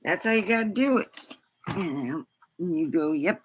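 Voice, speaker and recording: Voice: mid-range voice, lively intonation, measured pace, slight background noise. A livestream host chatting casually, in a loose, rambling way that drifts between thoughts.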